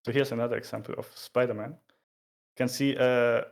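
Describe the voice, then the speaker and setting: A man explaining things informally in a casual chat, in a somewhat halting, hesitant way. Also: medium pitch, fairly even intonation, creaky. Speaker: explainer of video game graphics.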